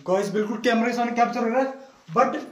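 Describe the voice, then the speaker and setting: A young man vlogging a night ghost hunt in a factory yard, calling out tensely into the dark. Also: extremely high pitch, fast, echoey room.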